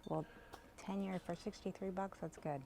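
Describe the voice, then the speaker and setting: A woman's voice: lowish voice, steady tone, normal speed, creaky, dark tone, slight background noise. A woman co-hosting a bourbon vlog, chatty and teasing, pointing out good prices in a liquor store. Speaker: bourbon reviewer and channel co-host. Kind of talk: casual walk-through vlog.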